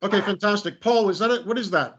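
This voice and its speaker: An American man in middle age runs an online creativity workshop as trainer and facilitator, talking fast in a high, husky voice. He's chatty and self-deprecating, full of fillers and restarts, and the video-call audio is slightly dull.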